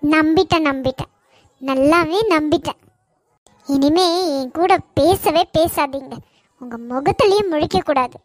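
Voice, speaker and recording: A woman's voice: high voice, unhurried, dry recording. A woman voicing hot-headed college girl Hasini. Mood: furious. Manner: accusing and shouting. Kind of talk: Tamil cartoon voice acting.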